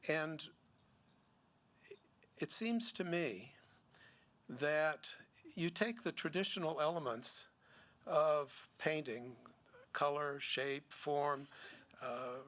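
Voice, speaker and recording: A middle-aged man, a gallery owner giving a seminar talk, speaking haltingly with many restarts and fillers. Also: fairly high pitch, a bit bright. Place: museum seminar room.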